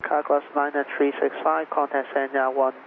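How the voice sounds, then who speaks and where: A man's voice: fairly high pitch, flat delivery, moderate pace, narrow, tinny audio. A man working as an air traffic controller, giving clipped instructions over crackly aviation radio. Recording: crackly, phone-thin, noisy radio transmission.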